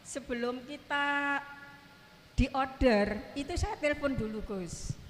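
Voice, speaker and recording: A woman with a Javanese accent telling a personal story to a cleric, halting and often addressing him as Gus. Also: high-pitched, big-room sound, a little hiss or hum. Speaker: audience member asking a question.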